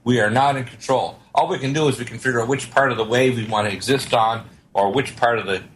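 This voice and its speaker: A man's voice: mid-range voice, fast, fairly bright tone. An older man delivering a paranoid, conspiracy-minded rant as a talk show guest, emphatic and certain as he lectures at length. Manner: paranoid, ranting. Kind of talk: long conspiracy-minded monologue. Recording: clearly noisy background.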